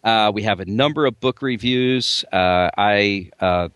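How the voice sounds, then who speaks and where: A man with a New Jersey accent, chatting casually on a podcast as a journal editor, halting with many fillers and restarts. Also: fairly low pitch, a bit bright, clear, resonant tone, dry recording.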